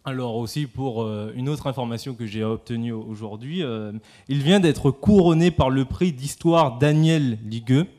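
A man's voice: medium pitch, normal speed, hardly any pauses, warm tone. Young guy, student, reading a formal intro in a lecture hall, lots of ums, kinda hesitant. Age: young adult. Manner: hesitant, with frequent filler sounds. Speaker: student interviewer.

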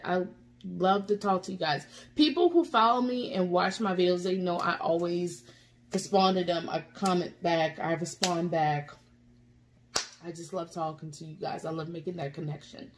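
Female vlogger, emotional and tearful, warm encouraging ramble to her viewers. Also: medium pitch. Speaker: YouTube reaction vlogger. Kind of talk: emotional casual vlog talk.

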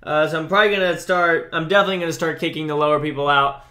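Bright-voiced young man, upbeat game commentary. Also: fairly high pitch, racing. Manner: chatty, upbeat, lots of fillers and restarts. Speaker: gaming YouTuber. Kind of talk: casual gameplay commentary.

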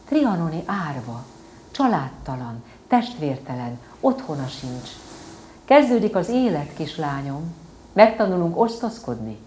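A woman as a quiet, stern mother. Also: sits low, a little hiss or hum. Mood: firm. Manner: calm, firm.

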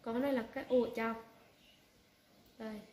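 A woman giving an unhurried step-by-step software tutorial, often pointing things out with short "here, there" remarks. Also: fairly high pitch, level tone. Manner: unhurried step-by-step instructions with frequent "đây, đấy". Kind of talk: screen-recorded software tutorial. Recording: echoey room, faint background noise.

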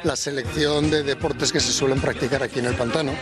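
A man's voice: medium pitch, fairly even intonation, brisk. A man teaching water skiing outdoors by a lake, patiently explaining the technique. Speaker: water-ski instructor. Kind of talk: instruction in interview. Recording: outdoor, music loud behind.

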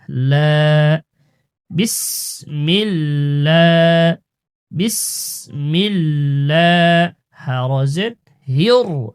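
A man teaching Quran pronunciation, chanting phrases slowly and then explaining in a quick, lower voice. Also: clean tone. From Bangladesh. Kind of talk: slow drawn-out recitation drills with quick spoken instructions.

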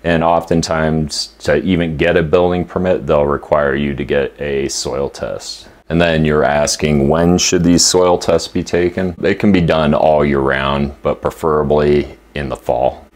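Man in his fifties, very low voice, steady instructive explainer, home kitchen. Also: measured pace, hardly any pauses. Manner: steady, instructive, listing points. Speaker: homesteading channel co-host. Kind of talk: scripted explainer to camera.

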